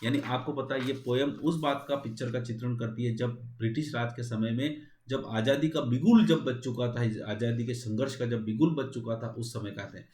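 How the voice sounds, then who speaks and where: A male teacher giving an exam-prep lecture, reading English lines slowly and then explaining each in Hindi. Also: medium pitch, fairly even intonation, a little mellow, echoey room, slight background noise.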